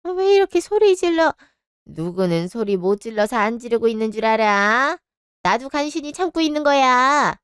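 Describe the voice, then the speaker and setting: A woman's voice: a little high, normal speed, a bit bright, clean tone, no room sound, studio quality, close to an everyday voice. A woman voicing a stern, nagging older mother-in-law in a radio drama, scolding and overbearing. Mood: angry.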